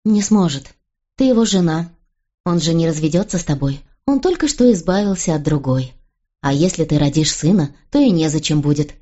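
A woman doing a calm, shrewd young nobleman. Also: sits low, moderate pace. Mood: persuasive. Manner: calm, persuasive. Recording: dull lo-fi recording.

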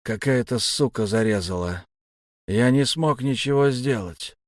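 A man doing a hoarse sly stocky pirate. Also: mid-range voice, measured pace, dry recording, lightly acted. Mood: grim.

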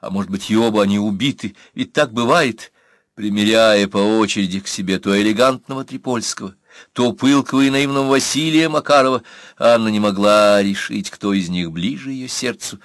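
A man's voice: lowish voice, fairly bright tone, no echo. Male narrator reading an audiobook, dry sound. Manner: measured storytelling. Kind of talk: scripted narration.

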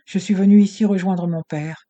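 Dude doing a proud young woman, cold and firm, slightly higher voice. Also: steady tone, normal speed, mellow, lo-fi sound, close to an everyday voice. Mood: defiant.

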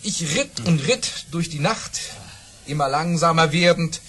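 An actor playing a boastful, jovial aristocratic baron who tells tall tales in a theatrical, savouring way, in a radio play. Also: male voice, on the high side, a little slow, fairly bright tone. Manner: theatrical, savouring storytelling with dramatic swings. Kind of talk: German radio play acting.

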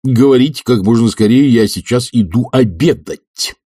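A man's voice: mid-range voice, normal speed, mellow, slightly rough, no room sound, studio quality, voice pushed up, natural voice. A man voicing an imperious older male professor who speaks in a stern, lecturing, cutting way.

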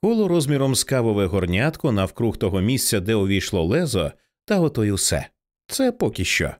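A man narrating an audiobook in an expressive, dramatic reading style. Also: lowish voice, fairly quick. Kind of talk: scripted narration.

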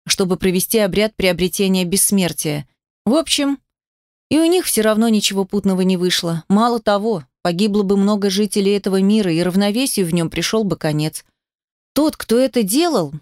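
A woman's voice: mid-range voice, a little mellow, no room sound, studio quality, lightly acted. Woman voicing grumpy crude female Death. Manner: sarcastic, crude grumbling. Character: grumpy foul-mouthed female Death in a young body.

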